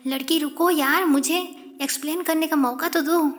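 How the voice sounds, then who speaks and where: A woman's voice: high-pitched, moderate pace, a bit bright, big-room sound. A woman voicing a blunt, exasperated female bodyguard who argues impatiently, in an audio story. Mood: agitated. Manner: impatient, calls her "girl" and "yaar".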